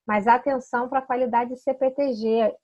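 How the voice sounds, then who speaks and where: A Brazilian woman's voice, on the high side yet darkish and steady, moves at normal speed as she explains essential oil product use informally to camera. Chatty and persuasive, with a Brazilian Portuguese accent, she often adds tag questions and restarts sentences, in lo-fi audio with no room sound.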